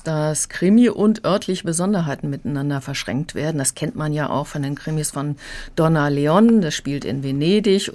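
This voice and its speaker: A woman's voice: low-pitched, darkish tone. A woman acting as a literary critic, who explains and summarizes a novel fluently in a radio interview. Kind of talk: radio book review interview.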